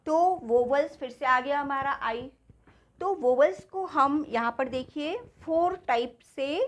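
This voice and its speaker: Slow, patient Indian woman teaching English. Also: high-pitched. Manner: patient, repeats words slowly and asks the class questions. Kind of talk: spoken English lesson.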